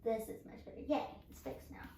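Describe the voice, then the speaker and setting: A woman's voice: a little fast, warm tone, reverberant, slight background noise. A woman co-hosting a casual chat while doing makeup, giggling often. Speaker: co-host.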